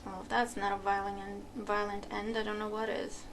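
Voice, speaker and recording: A woman from Romania reads tarot and muses through a casual unboxing at her table at home, using fillers and restarts. She speaks at medium pitch with little pitch movement and a moderate pace, on a rough recording with some hiss or hum.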